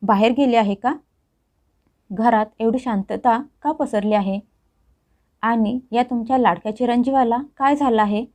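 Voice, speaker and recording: A woman's voice: on the high side, a little slow, pauses often, darkish tone, close to an everyday voice. Woman voicing a puzzled middle-aged husband.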